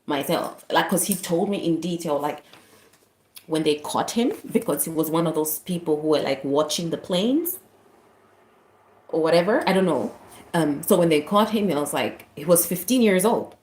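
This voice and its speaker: A woman's voice: deep voice, animated, moderate pace, darkish tone. A young woman in casual personal storytelling, heartfelt and rambling as she corrects herself, recalling an elderly patient she cared for. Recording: roomy echo.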